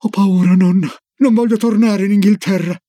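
A man reading a frightened, curious young boy in a storybook, pitched up with eager, pleading questions and a husky voice. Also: lively intonation, moderate pace, mellow, no room sound, clean studio sound. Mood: anxious.

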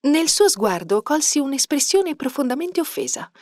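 A woman narrating an audiobook with a lively, expressive reading. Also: high-pitched, normal speed, no echo, clean studio sound. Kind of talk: scripted narration.

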